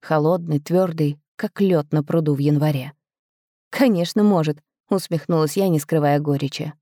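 Brief: woman audiobook narrator, low mellow voice, close dry mic, steady expressive first-person reading. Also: normal speed, no echo.

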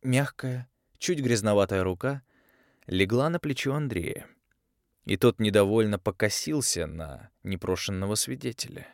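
Brief: male audiobook narrator, low pitch, expressive storytelling, dry close recording. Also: normal speed, no echo. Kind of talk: scripted narration.

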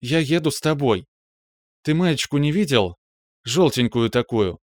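A man voicing a tender, teasing young woman who speaks to her lover in a soft, cooing way. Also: mid-range voice, lively intonation, unhurried, no echo, clean studio sound, pitched above the performer's own voice, close to an everyday voice. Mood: brisk.

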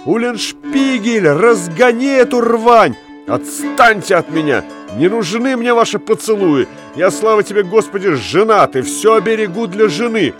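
A man voicing a plump, cowardly married man who wails and pleads in a high voice. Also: measured pace, hardly any pauses, over music. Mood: pleading. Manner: wailing, high-pitched pleading.

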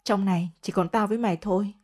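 A woman's voice: fairly even intonation, fast, a little mellow, natural voice. Woman doing a vicious, hysterical young woman. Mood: venomous. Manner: shrill cursing, wailing accusations.

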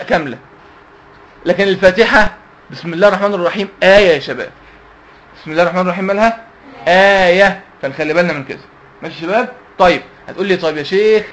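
Fast-talking Egyptian sheikh teaching youth. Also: male voice, sits high, a bit bright, lo-fi sound. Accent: Egyptian Arabic. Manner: quick, question-and-answer teaching, asks and answers himself. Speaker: Quran teacher. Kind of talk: religious lesson to youth.

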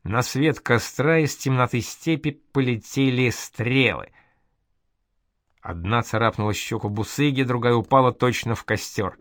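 A man narrating an adventure audiobook in a measured storytelling manner. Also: medium pitch, no room sound, clean studio sound.

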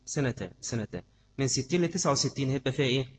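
A man with an Egyptian accent gives a religious study lesson at a rapid clip. His voice is husky. He repeats key terms and keeps asking his listeners questions. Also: mid-range voice, lively intonation. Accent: Egyptian Arabic. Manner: repeats key words, asks the class questions. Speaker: religious teacher.

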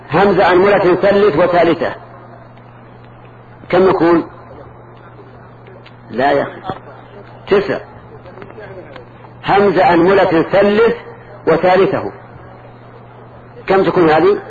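A man's voice: high-pitched, narrow, tinny audio. A man teaching Arabic grammar in a lesson, patiently repeating word forms and checking that students follow.

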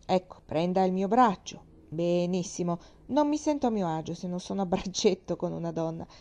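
Lady reading as a jolly old sea admiral, chatty and blunt, gravelly low-toned voice, audiobook. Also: normal speed, a little mellow, lightly acted. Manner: bluff, chatty and frank. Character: hearty, jovial old navy admiral, man.

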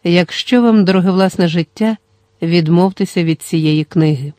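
A reader voicing a stern male sorcerer who speaks slowly in a low, monotonous, insistent way. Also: dry recording, studio quality, close to an everyday voice. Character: stern male sorcerer servant, calm and commanding.

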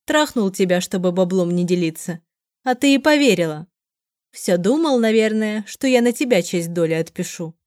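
A woman's voice: medium pitch, expressive, moderate pace, darkish tone, no room sound, studio quality, close to an everyday voice. A woman voicing a cold, mocking, middle-aged mother who sneers at her daughter in an audiobook. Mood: sneering. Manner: sneering, sarcastic.

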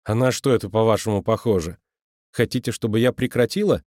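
A man's voice: on the low side, a little fast, darkish tone, no echo, clean studio sound, close to an everyday voice. A man voicing a bold, teasing teenage girl who talks in a cheeky, colloquial way.

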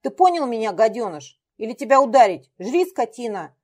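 A woman reading aloud and voicing a man who shouts harsh, furious commands and threats. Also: medium pitch, fairly quick, close to an everyday voice.

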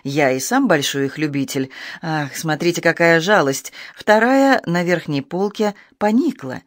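A man playing a shrewd male magistrate who questions in a cool, measured way. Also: on the high side, animated, a bit bright, no room sound, clean studio sound. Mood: probing. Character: shrewd male magistrate, calm, cold and probing.

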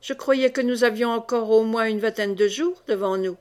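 A woman's voice: on the high side, normal speed, darkish tone, natural voice. A woman reading the part of a blustering, swearing knight commander in an audiobook. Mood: dismayed.

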